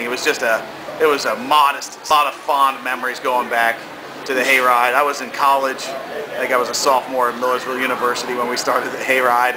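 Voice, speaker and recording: A man's voice: mid-range voice, background noise. A middle-aged American man talking casually in an interview, rambling and repeating himself with emphasis. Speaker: haunted attraction founder being interviewed.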